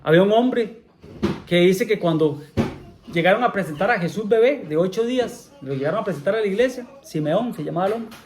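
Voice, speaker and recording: A man's voice: high-pitched, lively intonation, brisk, a little mellow, a little hiss or hum. A man preaching a sermon in a church, often repeating himself, asking the congregation questions and saying amén between points. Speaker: pastor.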